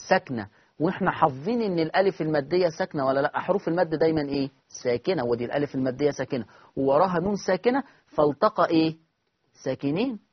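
A man with an Egyptian accent teaching a Quran recitation lesson, explaining step by step, asking his listeners questions and demonstrating sounds with slow drawn-out recitation. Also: a little high, breathy edge, dry recording, highs cut off. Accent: Egyptian Arabic.

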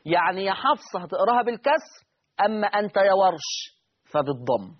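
A man's voice: high voice, big pitch swings, a little fast, lo-fi sound. A man with an Egyptian accent teaching a recitation lesson, patiently repeating key points and quizzing his students. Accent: Egyptian Arabic.

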